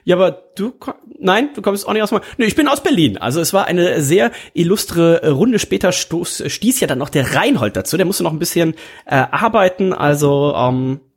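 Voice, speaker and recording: A man's voice: high voice, expressive, normal speed, slightly rough. A man hosting a casual wrestling chat, telling stories in a rambling way with many fillers and restarts. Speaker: podcast host.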